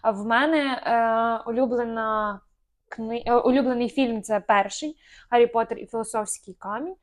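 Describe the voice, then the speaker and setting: A woman's voice: fairly high pitch, moderate pace. A young woman co-hosting a casual chat, talking easily with lots of fillers and small hesitations. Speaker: podcast co-host.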